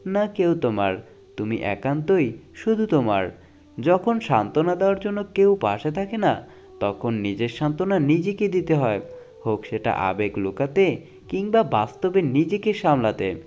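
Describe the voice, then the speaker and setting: A man reading motivational quotes as scripted narration, his pitch rising and falling at each phrase. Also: warm tone. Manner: sing-song recitation, rising then falling at each phrase. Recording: dull lo-fi audio.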